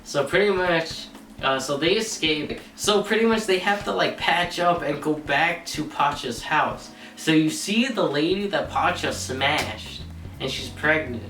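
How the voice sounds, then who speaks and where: A drunk man casually retelling a movie, halting and leaning on the same stock phrases again and again. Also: on the high side, pushed and bright, slight background noise. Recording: roomy, distant mic, faint music.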